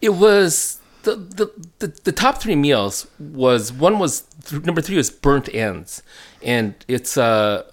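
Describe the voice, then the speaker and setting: Halting, chatty man as podcast guest. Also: a little high, very animated. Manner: halting, repeats words and restarts sentences. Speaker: food enthusiast interview guest. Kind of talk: casual storytelling chat. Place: home basement.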